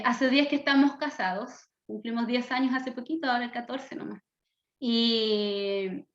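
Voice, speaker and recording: A woman's voice: high voice, fairly bright tone, echoey room, muffled recording. A Chilean woman in her thirties, from the south of the country, introducing herself earnestly as a missionary Bible teacher in an online class. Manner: earnest, enthusiastic, fervent.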